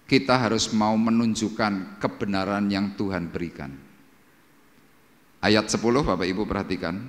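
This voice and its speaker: A male pastor with a Javanese accent delivers a Sunday sermon in a mid-pitched voice. He tells stories with energy, switching into loud, animated voices for the people he quotes. The sound carries the long reverb of a church hall. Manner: lively storytelling, acts out quoted voices loudly. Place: church service.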